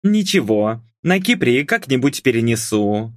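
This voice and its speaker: A man voicing an excitable, nagging middle-aged mother who scolds and argues in a raised, indignant voice. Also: mid-range voice, measured pace, no room sound, studio quality. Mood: scolding.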